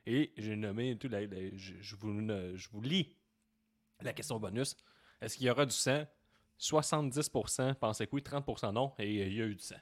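A man's voice: on the low side, moderate pace. A young man with a Quebec French accent co-hosting a casual wrestling podcast, retelling matches animatedly. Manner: animated storyteller, acts out wrestlers' lines. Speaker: podcast co-host. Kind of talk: casual chat.

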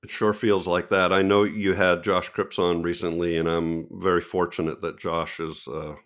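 A man talking as a guest photographer in a podcast interview, reflective and unhurried, often restarting and correcting himself mid-sentence. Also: sits low, flat delivery, a bit bright.

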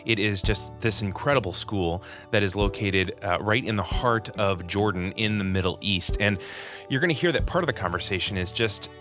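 Man, podcast host, earnest, lowish voice, faint music underneath. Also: moderate pace. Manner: earnest, enthusiastic, frequent restarts and laughs. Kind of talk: podcast interview.

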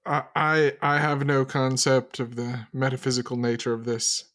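A man's voice: medium pitch, little pitch movement, normal speed, fairly bright tone. A man joking around as a player in a tabletop game. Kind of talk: casual tabletop game play.

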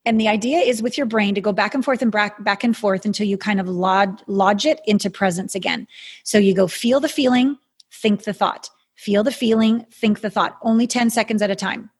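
A woman with an airy, breathy voice coaching a guided meditation in a mystical healer's manner, with soothing, incantatory prompts. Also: mid-range voice, moderate pace. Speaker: guide leading an emotional healing exercise.

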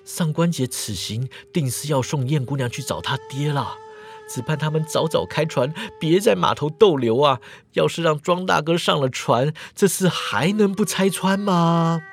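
A man's voice: a little high, moderate pace, natural voice. A man voicing a nervous young constable in a storytelling podcast, in a near-natural voice. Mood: anxious. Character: anxious young male constable.

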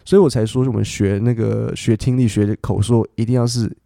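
A man giving a casual English lesson, lively and quick to jump into English example sentences. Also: lowish voice, creaky, dry recording, clean studio sound. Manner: animated, switches between Mandarin and English examples. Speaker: English teacher.

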